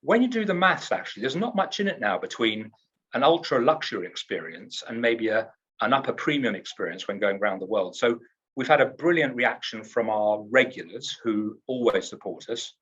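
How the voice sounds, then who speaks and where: A UK cruise line executive talks up his company in a trade interview, upbeat and salesy, often restarting his words. His husky, fairly bright voice is medium in pitch, expressive, and moderately paced, captured on a lo-fi recording.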